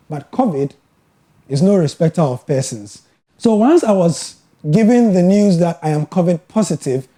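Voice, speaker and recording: A Ghanaian sports broadcaster giving a scripted educational talk, telling his story in a measured, earnest way with emphatic pauses. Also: a little high, warm tone. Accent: Ghanaian English.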